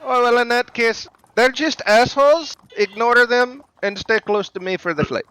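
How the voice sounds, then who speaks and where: High, smooth-voiced man playing sternly. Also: normal speed, bright, forceful tone, dry recording, rough recording. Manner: stern, commanding in character. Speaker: player. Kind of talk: in-character tabletop play.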